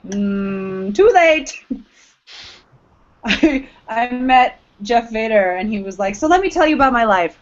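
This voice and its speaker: A woman co-hosts a podcast, trading casual, playful and teasing banter about anime. Her voice is on the high side, expressive and slow-paced. The recording sounds dull and lo-fi.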